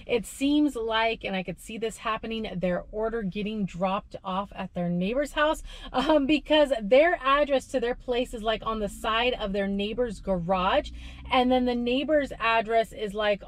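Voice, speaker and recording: Unhurried and fairly high-pitched, this woman's voice carries no room sound. In her thirties and working as a delivery driver, she narrates a casual vlog from her parked car, talking with her hands toward a camera on the dashboard.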